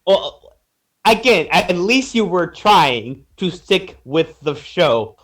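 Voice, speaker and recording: Reviewing fan fiction as a podcast panelist, a man speaks slowly in a high, sing-song, fairly bright voice. The chat is casual, and he stammers, repeats himself and lets sentences trail away.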